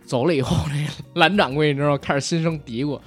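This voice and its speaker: A man's voice: fairly high pitch, fairly quick, fairly bright tone. A man hosting a casual chat, animatedly retelling a TV drama scene and swearing casually. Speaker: podcast host.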